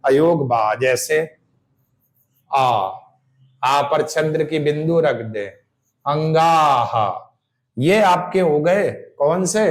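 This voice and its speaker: A man's voice: fairly high pitch, darkish tone. A man teaching Hindi grammar for exam prep, sounding out examples and answering his own questions.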